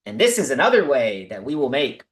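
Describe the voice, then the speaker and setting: A man hosting a livestream, talking casually and excitably to his viewers with lots of asides. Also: medium pitch, fairly quick, roomy sound, rough recording. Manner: excitable, talks to viewers directly with many asides. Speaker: crypto livestream host. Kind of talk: casual livestream talk about investing.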